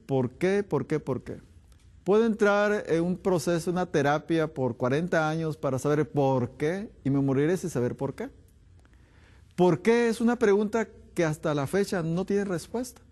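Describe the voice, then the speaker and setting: Lively man lecturing with rhetorical questions. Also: fairly high pitch. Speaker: doctor giving a health talk. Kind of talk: health lecture to an audience.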